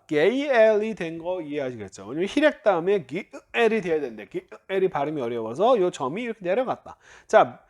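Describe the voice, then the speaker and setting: A man lecturing on grammar with a fairly high, very animated voice that rises and falls constantly. He walks through each point patiently, prompting listeners and correcting himself as he goes. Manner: explanatory, uses many "자" prompts, self-corrects and laughs lightly. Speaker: Biblical Hebrew grammar teacher. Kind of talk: recorded classroom-style lecture.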